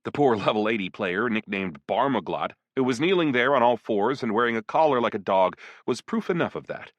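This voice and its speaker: A man narrating a first-person dark fantasy audiobook in an expressive storytelling manner. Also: medium pitch, fairly quick, no echo, dull audio.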